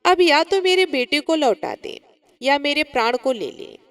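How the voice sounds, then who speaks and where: A woman's voice: sits high, lively intonation, unhurried, fairly bright tone, heavily acted. A woman voicing a devout old mother who pleads with the goddess in grief, in a storytelling recording. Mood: pleading grief. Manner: pleading, lamenting.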